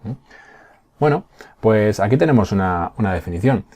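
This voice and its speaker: Low, warm-voiced teacher. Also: male voice, lively intonation, moderate pace. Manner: patient, explaining step by step with frequent checks like "¿Mm?" and "¿vale?". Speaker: primary school teacher. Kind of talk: recorded remote class.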